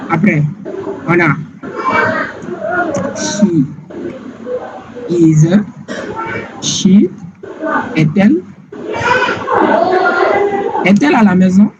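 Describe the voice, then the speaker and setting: A man teaching English grammar in a slow, repetitive classroom style, often checking whether listeners follow. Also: high-pitched, lively intonation. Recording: dull lo-fi sound with clear background noise.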